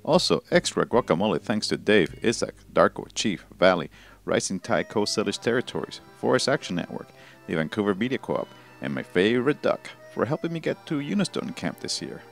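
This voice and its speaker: A man's voice: on the low side, very animated, a little fast, gravelly, faint music behind. A male host signing off his show, wisecracking and profane as he rattles off thank-yous. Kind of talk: irreverent show sign-off.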